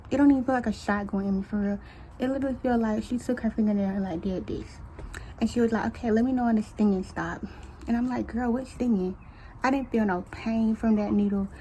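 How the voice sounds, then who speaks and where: A woman in her late teens telling a casual storytime to camera at home, chatty and candid, talking straight to her viewers with quick colloquial asides. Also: fairly high pitch, warm tone, slight background noise, rough recording. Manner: chatty, addresses viewers as y'all. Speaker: vlogger. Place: at home, baby nearby.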